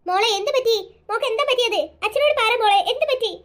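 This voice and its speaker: A voice actor playing a worried cartoon father who calmly soothes his scared daughter. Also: very high voice, quick pace. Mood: soothing. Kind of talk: cartoon voice acting.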